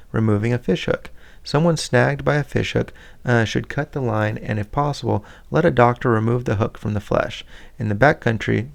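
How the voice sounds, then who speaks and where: Gravelly man reading a handbook aloud. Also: medium pitch. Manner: plain, steady read with small slips and restarts. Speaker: reader of a scout handbook. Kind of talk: reading a manual aloud with brief asides.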